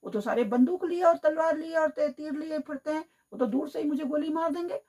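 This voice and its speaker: A woman's voice: sits high, brisk, mellow, pitched above the performer's own voice, close to an everyday voice. Woman playing a frightened lion king. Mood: fearful refusal. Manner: refusing, nervous. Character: mighty male lion, jungle king, fearful of humans.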